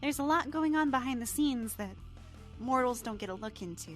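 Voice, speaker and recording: A woman's voice: fairly high pitch, lively intonation, moderate pace, faint music behind, voice pushed up, close to an everyday voice. A woman voicing a teenage-looking goddess of fate, playful and teasing, in a tabletop game. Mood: earnest. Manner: teasing, cheerful. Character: girlish teen goddess of fate, playful, smug.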